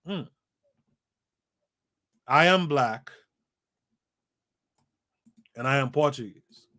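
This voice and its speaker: A podcast host reads a book aloud on a livestream, stopping to comment and talking to his live chat. His voice is mid-range, pushed and bright, with drawn-out words, and his emphatic delivery repeats phrases for effect.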